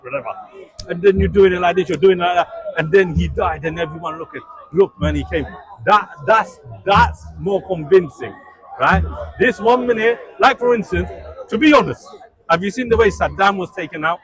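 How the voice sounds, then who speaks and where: A man's voice: sits high, moderate pace. A man debating religion in a heated back-and-forth, pressing his points with "listen" and "right?". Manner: animated, repeats "right?" and "listen".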